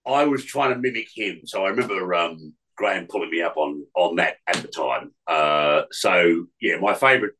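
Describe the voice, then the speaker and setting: A man's voice: deep voice, normal speed, hardly any pauses, pushed and bright, rough recording. A man in his fifties with an Australian accent, a radio announcer telling stories in a casual interview. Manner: chatty storyteller, slips into impressions, frequent restarts.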